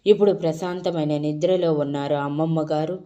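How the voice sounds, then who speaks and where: A tearful young wife in a storybook reading, as a woman narrator puts her on, urgent and grieving. The voice is low and warm, with a soft, darker tone. She calls out as if pleading for someone to listen. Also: fairly even intonation, a little fast, muffled recording, lightly acted.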